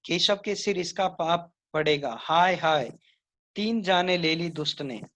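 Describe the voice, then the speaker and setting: A man's voice: fairly high pitch, a little slow, bright, forceful tone. A male teacher voicing a stern mother who scolds her son in a school story reading, with lamenting cries. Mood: scolding.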